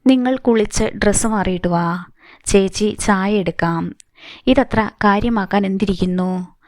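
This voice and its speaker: A woman's voice: mid-range voice, a little slow, darkish tone, no echo, lightly acted. A woman voicing a desperate young woman, the eldest sister, speaking urgently in a story. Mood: soothing.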